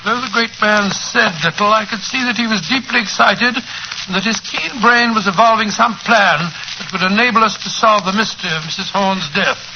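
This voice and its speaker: An actor playing a bumbling, genteel older doctor and loyal sidekick, fussy and slightly flustered, in a 1940s radio drama. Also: male voice, high voice, normal speed. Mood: earnest. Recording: muffled, noisy 1940s radio recording.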